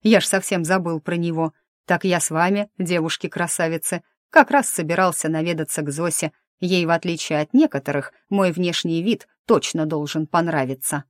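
A woman's voice: fairly low pitch, fairly even intonation, no room sound, studio quality, natural voice. A woman voicing a cheeky, theatrical young male dragon prankster who boasts and sulks, in a storybook reading. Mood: cheerful. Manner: boastful, sulky, drawn-out complaints.

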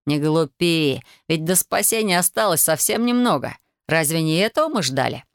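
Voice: medium pitch, expressive, moderate pace, no room sound, close to an everyday voice. Reader doing a pushy wounded soldier, insistent, urgent, audiobook, dry close sound. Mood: persuasive. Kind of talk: audiobook character voice.

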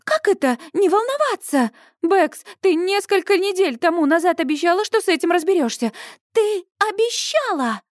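A woman reading an audiobook voices an anxious young female friend who gets alarmed and cries out in shrill, upset tones. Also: sing-song, normal speed, no room sound, studio quality. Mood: shrieking. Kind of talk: audiobook character voice.

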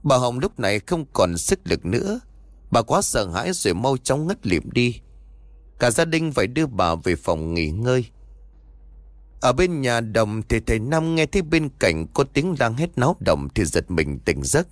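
A man's voice: medium pitch, very animated, moderate pace, no echo. A man narrating a horror story in a dramatic, suspenseful way, recorded close to the mic.

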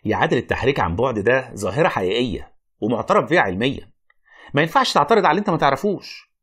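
Actor as husky, animated, wry Egyptian storyteller. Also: male voice, medium pitch, very fast. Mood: explaining. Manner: wry, argumentative, explanatory. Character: wry, reluctant learned male narrator, friend of a policeman. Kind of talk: radio play acting and narration.

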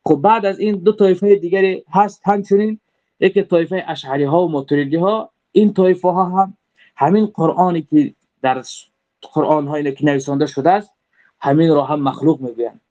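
In a dull, lo-fi recording, a man lectures on religious creed with a Tajik Persian accent. He is a religious teacher who builds his explanation step by step, repeatedly rephrasing and using frequent hesitant fillers. His voice is fairly high, steady, and mellow.

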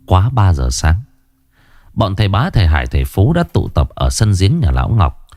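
Lively deep-voiced male horror narrator. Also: dry recording, studio quality. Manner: dramatic, lively telling. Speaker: storyteller.

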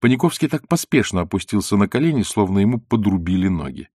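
Man narrating a novel, low voice, lively animated delivery, dry close sound. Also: fast, slightly rough, no echo. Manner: animated, theatrical reading. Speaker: audiobook reader.

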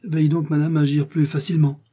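A man's voice: fairly high pitch, level tone, quick pace, warm tone, pitched above the performer's own voice, close to an everyday voice. A man reading the part of an embarrassed royal chancellor, formal and insistent.

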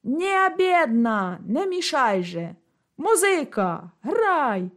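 Woman doing rowdy drunk guy at a fair yelling toasts, slow and loud, storybook reading. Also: fairly high pitch, lively intonation. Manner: boisterous, shouting toasts. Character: drunk, reveling young man at a fair.

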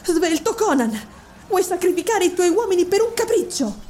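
A man doing a proud, very high-pitched princess. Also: very animated, normal speed, darkish tone, slight background noise. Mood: commanding. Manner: imperious, pleading then commanding. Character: proud young royal woman, commanding. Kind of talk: audiobook character voice.

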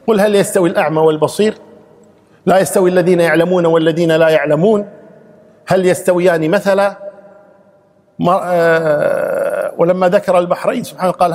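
A man's voice: sits high, darkish tone, in a large hall. A man, a sheikh giving an emphatic Quran exegesis lesson, reciting verses and repeating key phrases.

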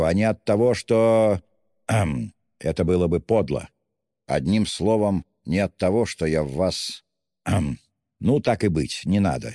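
A man voicing a drunk, excitable young man who shouts and gushes, fiercely self-abasing in a storybook reading. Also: low-pitched, no echo, studio quality, long reverb tail. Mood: flustered. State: tipsy.

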